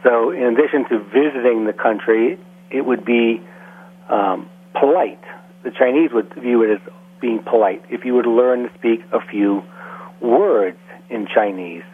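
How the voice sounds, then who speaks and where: A man explaining language matters as a guest in a casual radio interview, measured and full of small fillers. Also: mid-range voice. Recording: phone-like, husky radio line.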